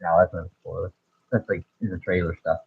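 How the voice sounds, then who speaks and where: A man's voice: low-pitched, little pitch movement, fast, vocal fry, breathy edge, dry recording. A man chatting casually on a livestream, his voice muffled as if heard through a wall, trailing off with fillers. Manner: laid-back, trailing off with fillers. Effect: muffled voice, as if through a wall or underwater. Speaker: streamer co-host. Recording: muffled lo-fi earbud mic.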